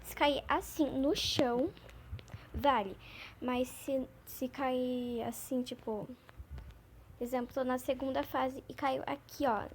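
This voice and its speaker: A woman hosting a gaming channel, talking through her gameplay in a chatty, rambling, excitable way. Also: sits high, slow pace, slight background noise. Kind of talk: gameplay commentary.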